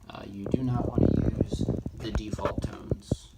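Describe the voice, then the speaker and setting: Whispering in a lowish, steady voice, a man gives an unscripted screen-demo tutorial as the instructor of a radio how-to segment. He explains each step haltingly, thinking out loud, while noisy keyboard typing and mouse clicks fill the background.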